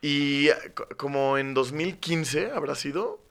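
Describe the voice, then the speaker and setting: Slangy Mexican man, fairly high voice. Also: slow, fairly bright tone. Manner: slangy, joking, steering toward context. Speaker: podcast co-host. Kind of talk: casual chat.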